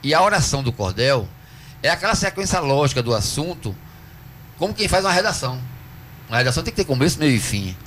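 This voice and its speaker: A man from Northeast Brazil with a Northeastern accent, a cordel poet answering interview questions in a radio studio, earnest and teacherly, slowing down to stress syllables. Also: fairly high pitch, big pitch swings, fairly bright tone, slight background noise. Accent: Northeastern Brazilian Portuguese. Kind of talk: radio interview, explaining at length.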